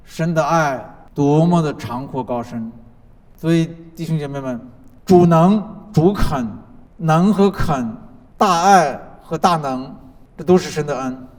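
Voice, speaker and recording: A man preaching a sermon as pastor, building points through rhythmic repetition and dropping from loud declarations to soft, low asides. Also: measured pace. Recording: long reverb of a large hall.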